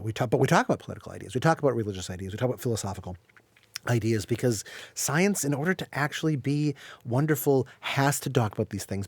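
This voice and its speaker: A man at a middle pitch presents a science course in a loose, talky way. He jokes, corrects himself and wanders off topic. His voice sounds dry and close, with no room echo. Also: a little mellow. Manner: rambling, self-correcting, joking, laughs often. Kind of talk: casual screen-share walkthrough.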